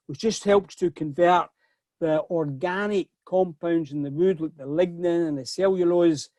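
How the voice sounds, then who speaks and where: A middle-aged man hosts a casual whisky tasting over a video call, chatting and often repeating words as he starts a sentence. His voice has a fairly high pitch and a darkish tone, with no echo.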